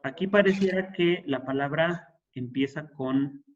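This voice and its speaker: A man's voice: on the high side, measured pace, dull audio, slight background noise. A man teaching an introductory Hebrew class, explaining patiently and checking in with his students. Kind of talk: classroom lesson.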